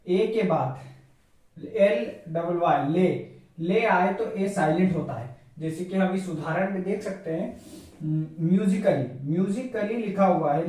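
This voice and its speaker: A man teaching a spoken vocabulary lesson, explaining slowly, repeating words and asking rhetorical questions. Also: sits high, mellow. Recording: very echoey room, voice far from the mic.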